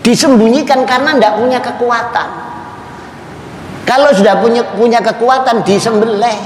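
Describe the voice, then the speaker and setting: Middle-aged man, emphatic lecturing preacher, recorded with faint noise in a large reverberant hall. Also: very high-pitched. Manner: slow, emphatic, questions the audience. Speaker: Islamic preacher. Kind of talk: religious lecture.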